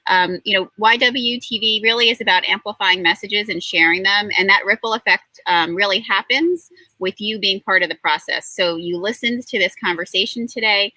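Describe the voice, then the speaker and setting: A woman's voice: mid-range voice, moderate pace, no echo, low-quality recording. A middle-aged woman hosting an interview, talking at an easy pace with many fillers. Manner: many fillers, warm thanks to guests. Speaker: host. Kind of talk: conversational interview.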